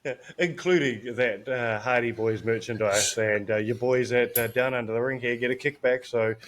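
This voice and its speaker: A man co-hosting a wrestling podcast, relaxed and conversational as he pitches ideas to his co-host. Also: normal speed. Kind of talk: casual podcast chat.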